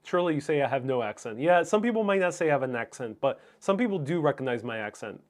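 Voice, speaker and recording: This livestream host is a man whose native language is Spanish, and he reads and responds to viewer comments casually, thinking aloud and sometimes hesitating. He speaks quickly at a medium pitch, with plenty of expression.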